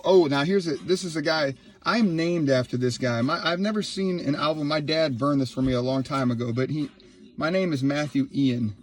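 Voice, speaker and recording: A man in his thirties, from Ohio, filming a casual vlog in his laundry room on a handheld phone, excited and rambling. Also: mid-range voice, a little hiss or hum. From Ohio, USA. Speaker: YouTuber. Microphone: handheld phone, no tripod.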